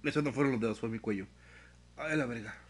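A young man with a Mexican accent, chatting casually on a live stream, full of slang and swearing, telling stories with animated energy. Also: mid-range voice, fast talker. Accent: Mexican Spanish.

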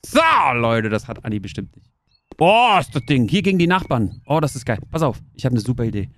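A woman streaming a simulator game, chatting excitedly and joking with her viewers. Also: extremely low pitch, brisk, slight background noise. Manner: excitable, jokey, talks to viewers. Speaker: gaming streamer. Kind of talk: casual gameplay commentary.

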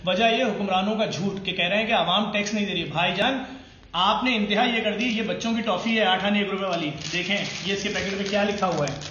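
A man's voice: high-pitched, fairly bright tone, slight background noise. A young man making an impassioned, indignant rant to camera, listing everyday items one by one. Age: young adult. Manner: indignant, lists items one by one while holding them up. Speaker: citizen making a complaint video. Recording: very echoey, dull lo-fi phone video.

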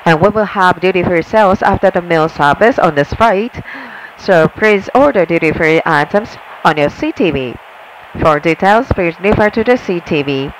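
A flight attendant, a woman, giving a polite, measured inflight announcement over the cabin PA. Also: on the low side, expressive, a little hiss or hum, rough recording. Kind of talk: formal bilingual inflight announcement. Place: airplane cabin.

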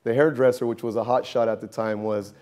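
Man, barber, 30s, mellow tone, animated storytelling, barbershop interview. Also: mid-range voice, a little fast. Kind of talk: documentary interview.

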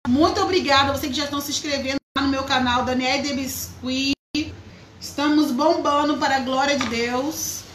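A woman's voice: high voice, fairly even intonation, a little fast, fairly bright tone, roomy sound, slight background noise, low-quality recording. A woman hosting a live craft tutorial, chatting and greeting viewers by name as she works. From Brazil. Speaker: craft teacher, live stream host.

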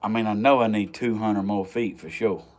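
A man with a Southern US accent and a slow, folksy drawl, chatting casually to viewers as he vlogs outdoors. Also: fairly low pitch, steady tone, a little mellow. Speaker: vlogger. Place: outdoors, rural yard and woods.

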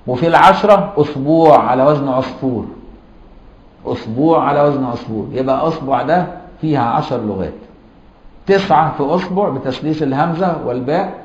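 A man with an Egyptian accent lectures at a middling pitch, patient and explanatory, often asking his listeners whether they follow. The room is echoey and the recording sounds dull and lo-fi. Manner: explains patiently, checks understanding with rhetorical questions; chants verses slowly. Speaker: Islamic jurisprudence teacher. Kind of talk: classroom lecture. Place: lecture hall or mosque.

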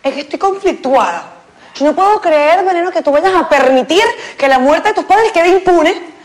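A sarcastic, scheming schemer. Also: female voice, very high-pitched, expressive, moderate pace. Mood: needling. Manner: sarcastic, needling. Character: scheming, gossiping young woman. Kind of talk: telenovela acting.

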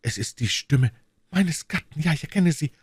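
A man's voice: fairly high pitch, expressive, normal speed, breathy edge, dry recording, studio quality, pitched above the performer's own voice. A man voicing a tender, frightened young woman in an audiobook, pleading in a raised voice. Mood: anxious. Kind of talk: audiobook reading, acted dialogue.

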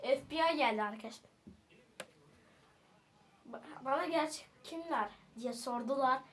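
A woman giving casual gameplay commentary as a streamer, jokey and excitable, teasing the enemies with sudden shouts. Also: sits high, unhurried. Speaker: gaming streamer.

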